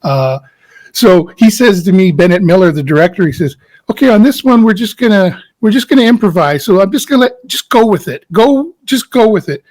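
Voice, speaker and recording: High-voiced man telling an animated anecdote. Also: fairly quick. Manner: storytelling, acts out his own past reactions in a high frantic voice. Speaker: guest actor. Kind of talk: animated anecdote in a casual interview.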